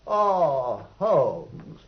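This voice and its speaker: A man's voice: fairly high pitch, very animated, drawn-out words, slightly rough, heavily acted. An actor in an old British radio drama playing a kindly, gallant, sympathetic doctor with a fatherly, flustered manner. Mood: tender, flustered. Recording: dull, lo-fi old radio recording.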